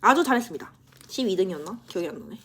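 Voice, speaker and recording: A woman in her twenties, a university student, chatting casually to the camera in a vlog, self-teasing and quick to laugh. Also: mid-range voice, expressive, fairly bright tone, slight background noise. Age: 20s.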